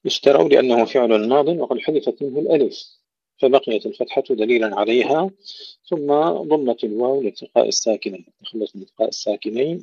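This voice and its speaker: A man teaching Quran recitation, reciting short phrases and then slowly explaining how each letter is pronounced. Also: mid-range voice, dark tone, husky, no echo. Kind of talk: tajweed lesson with recited examples. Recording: dull lo-fi recording.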